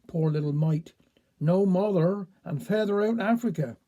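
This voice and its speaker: Man doing an old cornish countryman, grumbling, slow drawl, high mellow voice. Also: lo-fi sound, natural voice.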